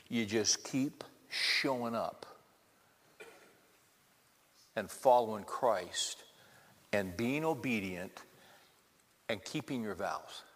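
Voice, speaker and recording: With a fairly low pitch and a fairly bright tone, this man in his fifties preaches to a congregation in a church hall. He's a pastor with a conversational style who asks the crowd lots of rhetorical questions, and the large hall lends a long reverb.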